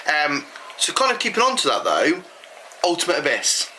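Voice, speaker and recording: Bright-voiced British man chatting. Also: a little high, huge pitch swings, moderate pace, slight background noise, poor audio. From United Kingdom. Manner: rambling, frequent ums. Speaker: vlog co-host. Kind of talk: casual chat.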